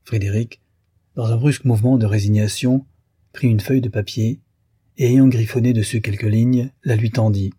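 A man narrating an audiobook of a classic novel in a measured, even storytelling manner. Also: medium pitch, breathy edge, no echo.

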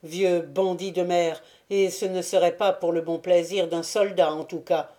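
Woman reading as a strict navy lieutenant, calm and severe, darkish low voice. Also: close to an everyday voice. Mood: stern. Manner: measured, severe. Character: stern young male naval officer.

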